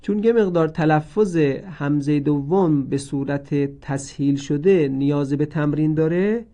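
A man gives a recorded lesson on the rules of Quran recitation, working through each point methodically. His voice sits a little high but stays mellow and soft-edged. He explains every rule and then repeats the examples so listeners can practise.

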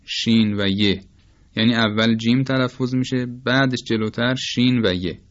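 A man at a middle pitch gives a methodical tajweed lesson, courteous and formal toward his listeners. He stops often to voice single sounds slowly and plainly. The recording is a bit muffled and lo-fi. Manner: slow, careful, demonstrates each sound aloud. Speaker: Quran recitation teacher. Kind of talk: instructional lecture on tajweed.

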